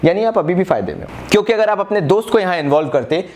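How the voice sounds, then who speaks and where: A man teaching a fast exam-revision lesson in a brisk, direct way, urging students to write quickly and slipping English terms into casual speech. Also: high voice, big pitch swings, darkish tone. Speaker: commerce teacher.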